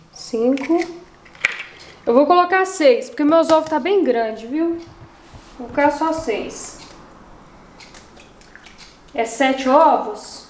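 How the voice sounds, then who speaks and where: A young Brazilian woman hosts a cooking vlog, chatting to viewers in a casual, exasperated way as she cooks in her home kitchen. Her voice is a little high and a little mellow, heard in an echoey room with slight background noise.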